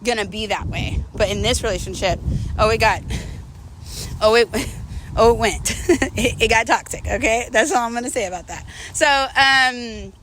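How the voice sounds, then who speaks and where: Her voice a little high and fairly bright at normal speed, the walking vlogger keeps up candid, casual confessions to viewers, a bit breathless, mixing in self-mockery and rhetorical questions. Slight background noise can be heard.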